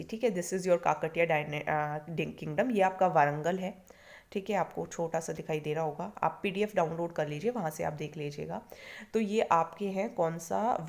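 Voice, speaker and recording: Indian woman coaching teacher, slightly low voice, explanatory lecture manner. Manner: explanatory, checks in with "ठीक है". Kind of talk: online lecture in Hindi-English mix.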